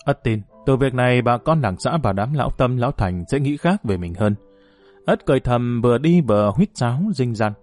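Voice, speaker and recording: Male audiobook narrator, steady, mid pitch, soft music underneath. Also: moderate pace.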